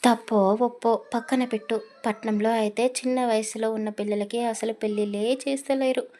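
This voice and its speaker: A woman voicing a calm older village farmer and father who speaks quietly and reasons with his wife. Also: fairly high pitch, normal speed, lightly acted.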